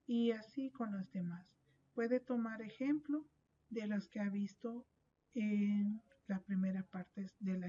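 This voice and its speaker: Slow, methodical teacher woman, dull recording. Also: a little high, mellow. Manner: slow, methodical explaining, reading examples aloud. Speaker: English teacher. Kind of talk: recorded lesson walkthrough.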